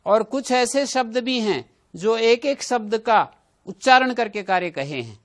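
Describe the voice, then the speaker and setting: A man's voice: very high voice, lively intonation, measured pace, a bit bright. A man teaching a Sanskrit grammar class, explaining rules with everyday examples and putting questions to his students.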